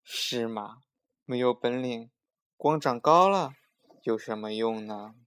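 A man's voice: medium pitch, slow, fairly bright tone. A man voicing a mother who scolds her children in an exclaiming but caring way. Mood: chiding.

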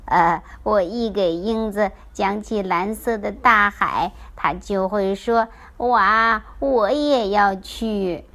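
A woman voicing a dreamy toy penguin who talks in a drawn-out way. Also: mid-range voice, fairly bright tone.

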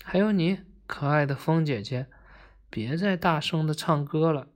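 A storyteller voicing a gentle red paint blob that hushes the night outside, speaking softly and slowly in a bedtime story. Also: mid-range voice, close to an everyday voice. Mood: soothing. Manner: soft, slow, hushing.

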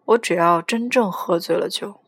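A woman reading a first-person novel aloud in a plain, even storytelling manner. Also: on the low side, normal speed, slightly rough, no echo. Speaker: audiobook reader.

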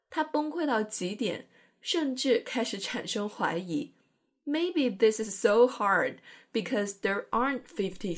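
Woman host chatting thru an english lesson, playful, spells out sounds slow, mid pitch. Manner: chatty, playful explaining with careful pronunciation demos. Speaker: host of an English-learning program. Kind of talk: educational podcast narration.

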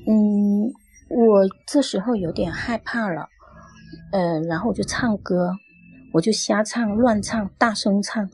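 Woman, husky voice, dry close sound, earnest halting ghost story. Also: medium pitch, warm tone, no echo. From Guangdong, China. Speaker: caller sharing a story. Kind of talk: first-person ghost story telling.

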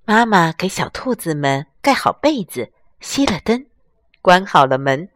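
Slow, expressive woman reading a bedtime story. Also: lowish voice.

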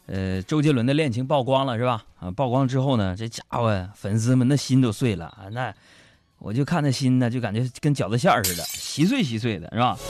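A man with a Northeastern Chinese accent doing a chatty comic monologue, talking straight to the audience. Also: medium pitch. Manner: chatty, addresses audience as friends. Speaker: stand-up comedian.

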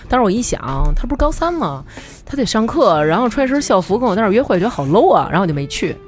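A woman, co-hosting a comedy talk show, telling stories in a chatty, animated way and laughing as she goes. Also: on the high side, very fast, soft background music. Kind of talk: casual comedic storytelling.

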